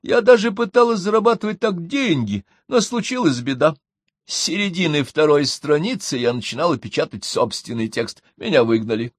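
A man voicing an elderly mother, fussy and self-pitying, with a high, drawn-out plaintive voice. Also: very animated, no room sound, clean studio sound. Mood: airy.

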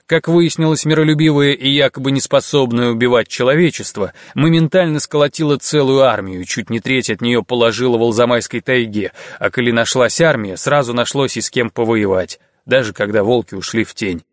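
A man's voice: mid-range voice, brisk, few pauses, no echo. Man narrating an audiobook, dry close sound. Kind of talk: scripted narration.

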